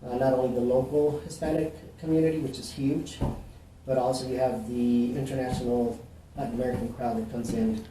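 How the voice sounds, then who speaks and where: A little fast and medium in pitch, a Mexican realtor's voice comes through as he answers interview questions in a loose, relaxed way, restarting and using fillers constantly. There's background noise, and the distant mic captures a roomy echo.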